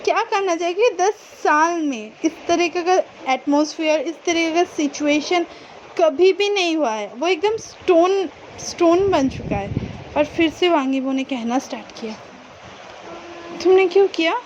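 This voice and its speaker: A woman's voice: extremely high pitch, lively intonation, moderate pace, muffled recording, slight background noise. A woman casually retelling a fan-fiction story in a chatty, colloquial way, with many fillers. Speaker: story narrator.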